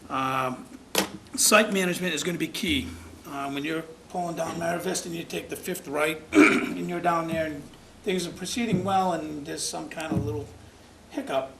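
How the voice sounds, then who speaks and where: A man with a rather high, gravelly voice and a fairly bright tone chairs a town commission meeting at a moderate pace. His public remarks come out folksy, rambling and plainspoken, captured on a noisy public-access recording.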